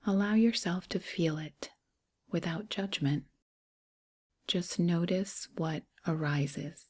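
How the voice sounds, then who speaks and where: Guiding a meditation, a woman speaks in short, unhurried, soothing phrases. Her lowish voice is breathy and hushed, close to a whisper, and her manner is gentle.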